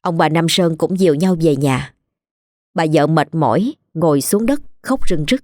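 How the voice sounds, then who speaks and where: Low-voiced woman narrator. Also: expressive, normal speed, darkish tone, no room sound. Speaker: storyteller. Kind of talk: scripted ghost-story narration.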